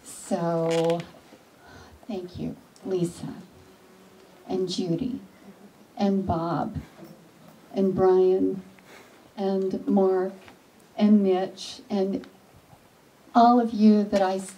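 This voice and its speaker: Slow, mellow woman speaking from afar. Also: medium pitch, flat delivery, far from the mic, poor audio. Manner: earnest, with pauses and restarts. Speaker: event attendee giving a speech. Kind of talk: heartfelt informal speech.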